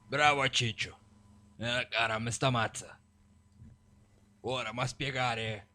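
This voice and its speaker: A man's voice: mid-range voice, steady tone, takes it slowly, heavy background noise, lightly acted. A man with a Sicilian accent playing a menacing, crazy mafia boss in an amateur comedy game parody, domineering and taunting.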